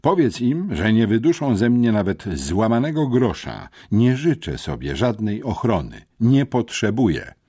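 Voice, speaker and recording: A man's voice: low-pitched, huge pitch swings, measured pace, darkish tone, breathy edge, voice pushed up, heavily acted. A man reading an audiobook, voicing a nervous, indignant teenage schoolboy detective.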